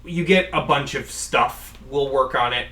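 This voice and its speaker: Bright-voiced man running a tabletop game. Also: medium pitch, a little slow. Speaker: game master. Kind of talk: casual tabletop game narration. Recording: roomy, distant mic, faint noise.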